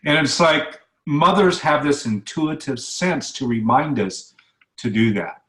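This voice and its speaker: This radio interview host has a slightly high, sharp-toned voice and takes his time, recorded in an echoey room. His talk is loose and conversational, full of filler words and repetition.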